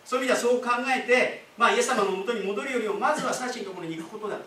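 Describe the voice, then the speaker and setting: A man's voice: high-pitched, rapid-fire, a bit bright, recorded from a distance, slight background noise. A man preaching a sermon as pastor, explaining in a conversational way with asides and rhetorical questions. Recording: echoey room, speaker away from the mic.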